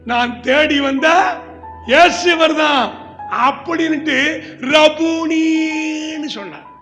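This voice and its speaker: A male pastor with a Tamil Nadu accent preaches emphatically, his voice sitting very high and ringing with a bright, forceful edge. He bursts into shouts at times. The sound comes from a church hall with a long reverberant tail and a faint bed of music underneath. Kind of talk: sermon.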